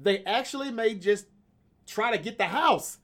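A man hosting a casual sports debate podcast, animated and making bold predictions. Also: high-pitched, normal speed. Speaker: podcast host.

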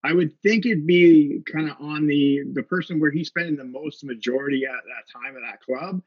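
A man's voice: on the high side, moderate pace, breathy edge, dry recording, lo-fi sound. A man in his late thirties, a jiu-jitsu instructor, talking casually on a podcast and rambling with many fillers and restarts. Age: 30s.

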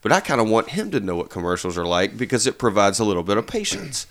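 A man's voice: fairly low pitch, sing-song, quick pace, a bit bright. A man in his thirties co-hosting a casual chat show, rambling with plenty of fillers. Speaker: podcast co-host.

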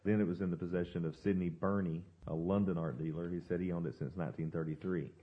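A man's voice: low-pitched, fairly even intonation, quick pace, breathy edge. A man co-hosting a podcast, explaining things in a casual, rambling conversational way. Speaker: podcast co-host. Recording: slightly dull lo-fi podcast audio.

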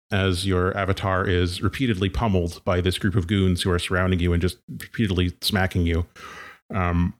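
A man running a tabletop role-playing game as game master, narrating in a halting way with many fillers. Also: low-pitched. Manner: halting, with frequent fillers and laughs.

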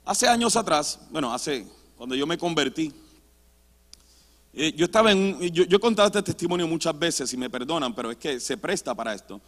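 A man, a pastor, preaching a sermon with personal testimony in a church, emphatic and shifting between loud and hushed delivery. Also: fairly high pitch, lively intonation, brisk. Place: church sanctuary. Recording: reverberant church hall.

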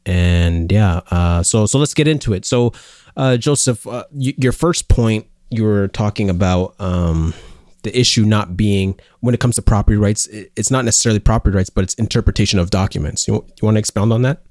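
Low-voiced man co-hosting a podcast. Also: darkish tone, no echo, studio quality. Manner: halting, many fillers and restarts. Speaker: podcast co-host. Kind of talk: casual podcast chat.

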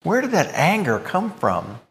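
A man preaching a sermon, emphatic and expressive, explaining scripture with thoughtful asides. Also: sits high, a little slow, long reverb tail.

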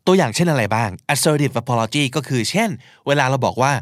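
A man's voice: medium pitch, moderate pace, dry recording, studio quality. A man hosting a podcast, teaching and explaining vocabulary, spelling out words and acting out short examples. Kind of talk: explanatory language lesson talk.

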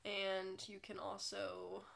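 Her voice sits at medium pitch, fairly bright yet creaky, and she talks slowly in a monotone. She's a young woman hosting her own podcast while congested from a cold, chatting casually, rambling and poking fun at herself.

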